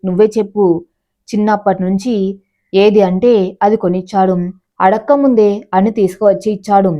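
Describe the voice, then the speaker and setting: A woman's voice: medium pitch, lo-fi sound, close to an everyday voice. A woman voicing a spirited young daughter who argues and questions with exasperation.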